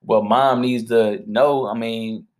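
A man co-hosting a marriage podcast with his wife, talking in a relaxed, slangy, upbeat way. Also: mid-range voice, takes it slowly. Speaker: podcast co-host. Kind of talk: casual chat.

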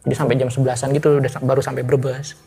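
A man's voice: mid-range voice, little pitch movement, racing, creaky, a crowd in the background. A man as a guest in a casual interview, telling a ghost story in loose, chatty speech with restarts, often addressing the listener directly.

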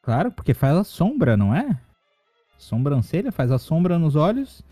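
A man's voice: fairly high pitch, big pitch swings, moderate pace, dark tone, no room sound, faint music behind. A man with a Brazilian Portuguese accent co-hosting a casual comedic chat, playful and teasing. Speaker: co-host.

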